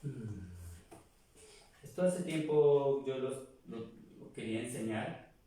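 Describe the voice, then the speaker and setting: A man giving a slow language lesson, repeating words over and over and stopping to look things up in a dictionary. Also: mid-range voice, warm tone. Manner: repeats words slowly, pauses and searches a dictionary. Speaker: French teacher. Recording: echoey room, far from the mic.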